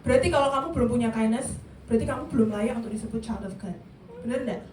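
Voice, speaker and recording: At a youth service, a woman with a fairly high pitch talks fast, lively and direct, firing questions at her audience and slipping English into her sermon. The church meeting room echoes, she's far from the mic, and a faint hiss runs underneath.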